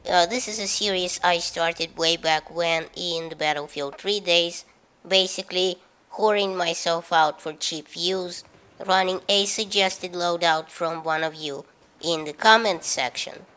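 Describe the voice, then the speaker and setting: A low, gravelly woman's voice with a Russian accent narrates gameplay commentary. She talks in a dry, sarcastic way, pausing often with filler sounds. Her delivery is hesitant. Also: a bit bright, poor audio. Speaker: gaming commentator.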